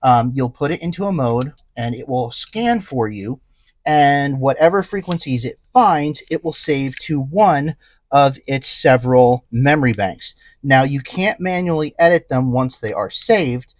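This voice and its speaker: In a casual, unscripted hands-on review, a tech gadget reviewer and host talks through things conversationally and thinks out loud. His mid-range voice is expressive and unhurried, with no room sound.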